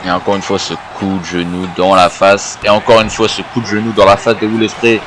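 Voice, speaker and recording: Casting: male second commentator for wrestling, fairly low voice, short move calls, faint noise in the background. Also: little pitch movement, brisk, fairly bright tone. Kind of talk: wrestling commentary of a video game match.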